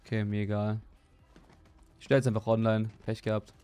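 Excitable young man streaming games. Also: lowish voice, brisk, faint music behind. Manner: excitable, repeats exclamations, joking self-mockery. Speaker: gaming streamer. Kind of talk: live gameplay stream chat.

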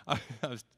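A man's voice: pushed and bright, big-room sound. A man preaching a sermon in a church, in a conversational way with frequent stammered repeats and self-deprecating humor. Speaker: pastor.

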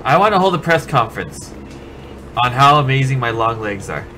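A man's voice: mid-range voice, very animated, moderate pace, pushed and bright, soft background music. A man commentating a video game in casual banter, sarcastic and crude, swearing often. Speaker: gameplay commentator. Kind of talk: casual let's play banter.

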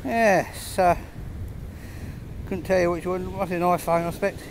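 This metal detecting vlogger, whose voice is a little high, talks through his pebble beach finds at a moderate pace, relaxed and understated with small chuckles. A faint outdoor hiss sits behind him on the handheld camera, held close on his hands.

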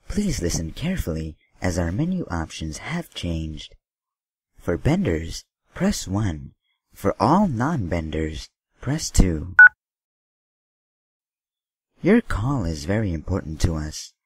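A man voicing a recorded customer-support phone menu message, reading the options in a polite, measured announcer way with a husky voice. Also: deep voice, sing-song, darkish tone, no echo, exaggerated voice.

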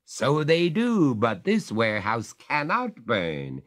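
A man narrating a story voices a stern master of the house who replies with measured, icy courtesy. The delivery is slow, firm and ironic, with a lively rise and fall, at a medium pitch pushed upward and heavily acted.

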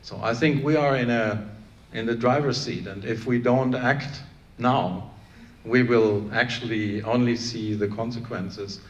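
A man's voice: medium pitch, fairly even intonation, measured pace, highs cut off. A middle-aged man from Iran who grew up in Germany, a plant scientist answering on a panel, earnest and often restarting his sentences, on a handheld mic in a conference room. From Iran, raised in Germany. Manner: earnest, many restarts and fillers. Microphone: handheld microphone. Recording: echoey room, faint room noise.

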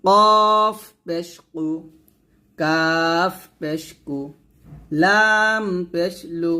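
Brief: Bangladeshi man, Quran reading teacher, very slow, patient letter-by-letter spelling drill. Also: sits high, sharp tone. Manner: spells each letter with its vowel mark, then blends the syllables. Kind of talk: slow spelled-out recitation lesson.

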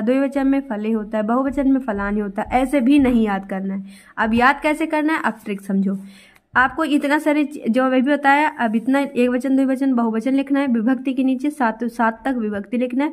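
Woman, young adult, teacher, exam-prep grammar lesson, reassuring, repetitive, fairly high voice. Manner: reassuring, repetitive, addresses students directly.

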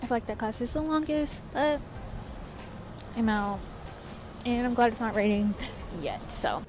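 A woman's voice: a little high, a little slow, background noise. A young woman vlogging her day on her phone camera, chatty and a little self-conscious, with lots of "like". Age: young adult. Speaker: vlogger, community college student. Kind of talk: casual day-in-my-life vlog. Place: campus library, then home. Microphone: phone camera at arm's length.

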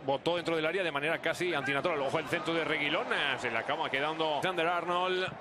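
A man doing live football play-by-play, excitable and surging into drawn-out shouts at goals. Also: fairly high pitch. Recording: very noisy outdoor stadium ambience.

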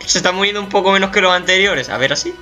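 A man with a Spain Spanish accent giving casual reaction commentary as a gaming YouTuber, animated and swearing, squealing in mock shock. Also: high voice, very fast, soft background music.

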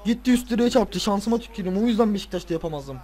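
A tired man playing a football video game, casually commenting, swearing and ranting at the players with excitable outbursts. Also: sits high, very fast. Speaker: gaming video creator.

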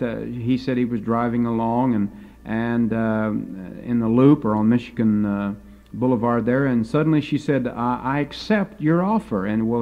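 A man's voice: mid-range voice, narrow, tinny audio. A man teaching a Bible lecture, moving between folksy storytelling and emphatic preaching.

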